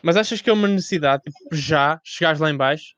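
A man's voice: fairly high pitch, fast talker, a bit bright, dry recording, lo-fi sound. A young man with a European Portuguese accent chatting casually as an interviewer, informal and full of slang and swearing. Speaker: podcast host interviewing a rapper.

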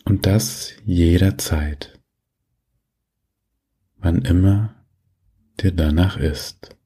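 A man guiding a sleep meditation in a soft, breathy voice, giving gentle, soothing instructions with long pauses. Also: sits low. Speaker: meditation guide.

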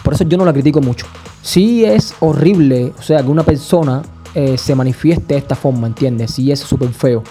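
A man hosting a podcast, giving measured, analytical commentary and often checking in with the listener. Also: medium pitch, warm tone, faint music behind. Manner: measured, analytical, often asks "you know?". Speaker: podcast host. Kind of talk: opinion commentary.

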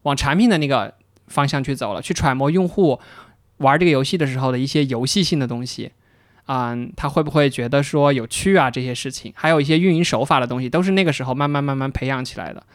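A man's voice: mid-range voice, fast talker, no echo, studio quality. A man co-hosting a casual podcast conversation, talking through his own path in a reflective, storytelling way with some repeated words. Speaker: podcast co-host, interaction designer. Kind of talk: casual chat.

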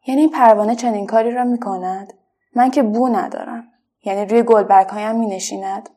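A woman voicing a lonely, gentle artificial red flower in a children's story, speaking softly and wistfully. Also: mid-range voice, fairly even intonation, natural voice. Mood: anxious. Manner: soft, wistful, quietly pleading.

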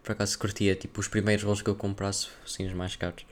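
Young guy w european portuguese accent, low flat voice, rambly slangy solo podcast chat. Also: quick pace. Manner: rambling, slangy, thinking aloud. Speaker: podcast host.

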